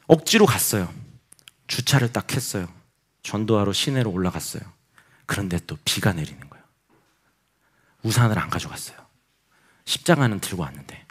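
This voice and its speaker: Husky, animated male pastor. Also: mid-range voice. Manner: animated storytelling, acts out inner voices and quotes. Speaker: pastor and missionary. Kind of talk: sermon testimony.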